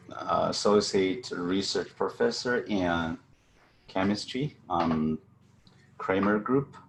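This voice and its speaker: A middle-aged man from China with a Chinese accent, giving a halting seminar talk over a video call with many fillers and restarts. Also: deep voice, creaky, a little hiss or hum. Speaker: guest speaker.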